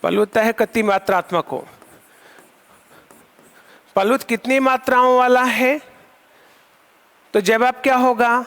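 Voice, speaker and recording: A man's voice: very high-pitched, steady tone, slow, pauses often, a bit bright. A male Sanskrit teacher giving a lecture, asking questions and answering them himself while repeating key terms. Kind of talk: classroom lecture. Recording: long hall reverb.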